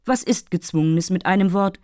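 A woman's voice: fairly low pitch, moderate pace, warm tone, no echo, studio quality, voice pushed up, lightly acted. A woman voicing a haughty, moralizing female fairy who lectures and takes offense easily. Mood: indignant.

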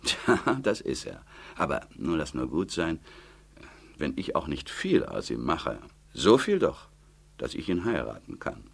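A man's voice: a bass voice, very animated, a little slow, gravelly, husky, heavily acted. A man reading the part of a stern, practical young woman, firm and matter-of-fact as she lectures. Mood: lecturing.

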